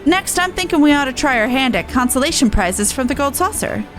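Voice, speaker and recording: A woman with a high, lively voice speaks briskly over background music, voicing a young cat-folk resistance soldier in a game. She sounds earnest, battle-worn and blunt, with rough-and-ready phrasing, and the mood is playful yet businesslike in this game dialogue voice-over.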